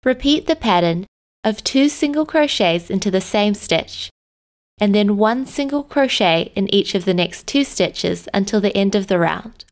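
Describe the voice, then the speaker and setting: A woman host narrating a crochet tutorial in a calm, step-by-step instructional manner. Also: mid-range voice, unhurried. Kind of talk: scripted tutorial voice-over.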